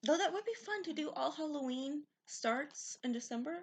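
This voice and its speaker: A woman with a somewhat high voice chats casually and teasingly about her stitching projects. A faint hiss of background noise sits under her voice. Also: lively intonation, moderate pace. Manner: teasing, joking. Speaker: co-host. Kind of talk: casual chat.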